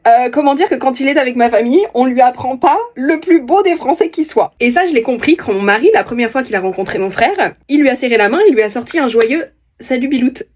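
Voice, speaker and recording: A young woman from northern France telling a funny story to camera in a lively, amused way. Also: high voice, quick pace. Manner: lively, amused, animated delivery. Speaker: content creator.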